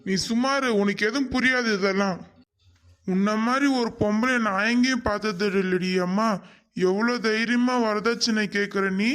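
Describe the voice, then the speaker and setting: A man voicing a hot-tempered older brother who confronts people loudly. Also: high-pitched, fairly even intonation, moderate pace. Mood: angry. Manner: confrontational, raised voice. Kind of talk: cartoon voice acting.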